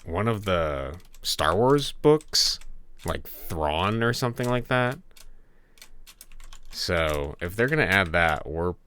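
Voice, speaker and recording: With a deep, clear, resonant voice that's a bit bright and swings widely in pitch, a young Michigan man talks slowly to viewers on a late-night stream. He's a laid-back, chatty game developer who reads chat aloud while keys type and click in the background.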